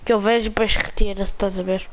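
A young woman with a European Portuguese accent gives live commentary on her own game, taunting other players and swearing in excitable outbursts. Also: mid-range voice, racing, a little hiss or hum, poor audio. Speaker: gamer streaming own play.

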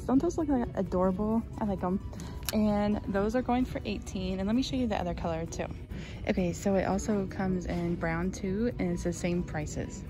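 Gushing woman vlogging a store walk-through. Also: medium pitch. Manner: chatty and gushing, lots of likes and ums. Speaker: shopping vlogger. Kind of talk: casual shop-with-me narration. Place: large retail store, indoors.

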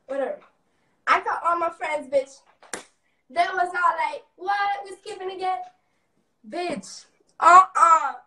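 A young woman livestreaming, telling a school story in a brash, profane, animated way. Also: sits high, recorded from a distance, rough recording. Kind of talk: casual storytelling.

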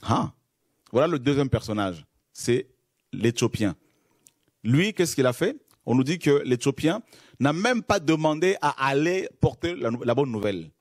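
A man's voice: medium pitch, sing-song, unhurried, no room sound. Emphatic male preacher, dry close sound. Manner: emphatic, repeats key phrases; addresses listeners as friends. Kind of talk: sermon with Bible reading.

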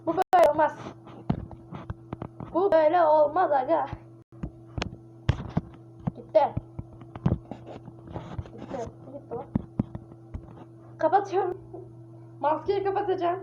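Playing a horror game, a female gamer offers casual, panicked let's-play commentary, exclaiming and chatting along. Her voice sits high and moves slowly with long pauses, captured by a dull lo-fi mic with obvious hiss.

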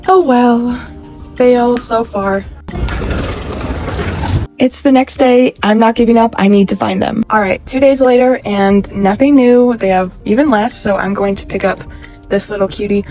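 Holding up her phone in stores with music in the background, a twenty-something vlogger from California narrates her shopping trip. She's gushing, excitable and chatty, with a fairly high-pitched voice.

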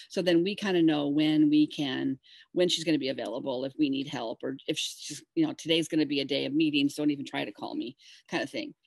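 A woman's voice: deep voice, vocal fry, no room sound. A middle-aged woman co-hosting a casual chat, telling a rambling, emotional story with many restarts. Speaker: co-host.

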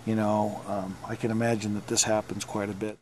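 A man's voice: lowish voice, little pitch movement, brisk. A middle-aged man hosting a paranormal investigation, explaining things casually to the camera. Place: outdoors at night in town. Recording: noisy outdoor camcorder audio, traffic ambience.

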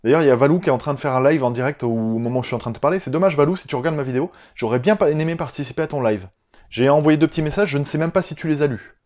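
A man's voice: fairly high pitch, very fast, darkish tone. A man with a southern French accent talking casually and sarcastically about upcoming films, often getting sidetracked. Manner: chatty, sarcastic, easily sidetracked. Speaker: film YouTuber. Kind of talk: casual video chat.

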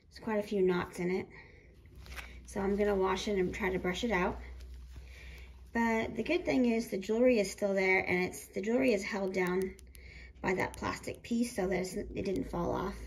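A woman with a slightly harsh, hoarse voice from being sick, chatting casually and ramblingly as she shows off her hobby finds. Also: mid-range voice, a little mellow. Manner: informal, rambling, self-correcting. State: getting over a sickness, slightly hoarse. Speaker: doll collecting vlogger. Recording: roomy echo with clear background noise.

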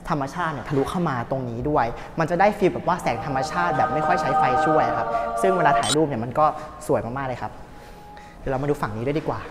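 A man's voice: medium pitch, fast, background noise. A young man hosting a casual cafe tour vlog, talking in an upbeat, polite tour-guide way on a clip-on mic indoors. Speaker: host. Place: indoor cafe in an old shophouse. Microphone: clip-on lapel mic.

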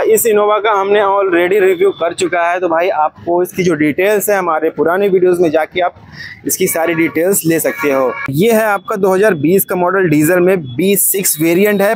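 A young man with a bright, high-pitched voice walks an open-air used car lot. He talks in a chatty, casual way and keeps calling the viewer brother. He sounds like he is filming on a handheld phone. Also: no room sound. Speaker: vlogger touring a used car market. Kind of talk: casual walkaround commentary.

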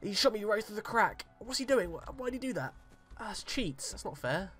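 A young man giving jokey, excitable let's play commentary, pleading with and yelling at the game. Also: high voice, normal speed, husky, faint music behind. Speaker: gamer.

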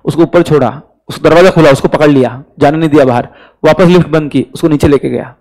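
Indian guy tutor, chatty and teasing, a bit feverish, slightly high voice. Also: fast talker, darkish tone, rough recording. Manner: chatty, teasing, mixes Hindi and English. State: mild fever, recovering throat. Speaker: online commerce exam tutor. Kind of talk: casual live online lecture.

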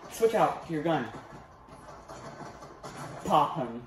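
A man's voice: fairly high pitch, big pitch swings, extremely slow, distant mic. Man, casual gameplay chat, video co-host, echoey indoor room, music in the background. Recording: echoey room, sound playing behind.

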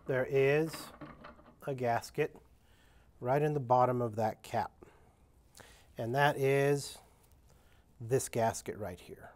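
At a workbench in an indoor workshop, a man demonstrating equipment explains a maintenance job step by step in plain, halting speech. His voice is middle-pitched with a darkish tone, and he says "uh" and restarts as he goes in this unscripted how-to.

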